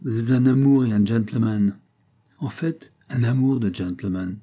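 A man reading the part of a young American woman doctor in an audiobook, speaking gently and hesitantly with an American accent. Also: medium pitch, moderate pace, lightly acted. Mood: tender. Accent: American, put on.

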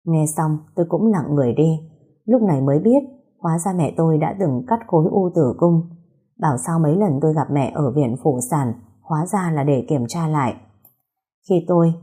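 Woman narrator, scripted story, low pitch, husky. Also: dark tone.

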